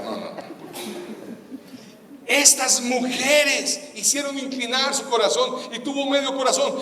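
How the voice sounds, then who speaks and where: A man's voice: extremely high pitch, pushed and bright. A male pastor preaching a sermon, telling stories with acted-out dialogue and humorous asides. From Colombia. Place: large church auditorium. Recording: echoey church hall, voice from a distance.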